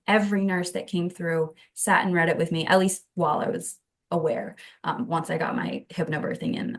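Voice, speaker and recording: A woman in her thirties earnestly telling her own birth story as a podcast guest, in detail. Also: fairly low pitch. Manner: earnest and detailed, with some restarts. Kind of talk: conversational storytelling.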